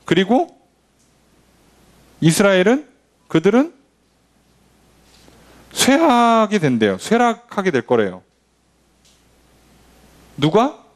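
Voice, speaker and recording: A male pastor leading a midweek Bible study, teaching in a conversational, animated way and acting out quotes. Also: high-pitched. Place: church.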